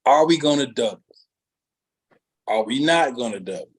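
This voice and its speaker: Husky-voiced man hosting casual chat. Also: medium pitch, lively intonation, normal speed, low-quality recording. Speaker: podcast host.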